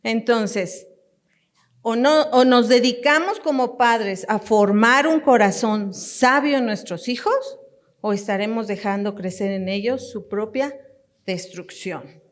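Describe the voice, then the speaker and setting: A woman pastor preaches to parents with a slightly raised pitch. She talks at a slow, deliberate pace. She repeats her points emphatically and addresses them directly. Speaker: pastor and teacher. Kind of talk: family teaching sermon.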